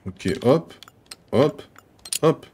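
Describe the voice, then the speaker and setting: A man streaming a video game, commenting in an excitable, slangy, joking way and talking to his viewers. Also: fairly high pitch, extremely slow, a little hiss or hum. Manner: jumps to excited yelps. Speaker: gaming streamer. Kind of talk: excitable let's-play commentary.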